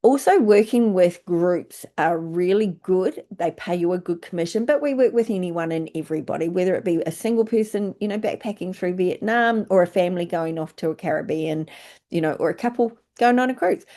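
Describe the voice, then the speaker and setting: Chatty New Zealand woman, mellow voice. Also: lowish voice, fairly quick. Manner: chatty, lots of fillers. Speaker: travel agent recruiter. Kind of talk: informal presentation.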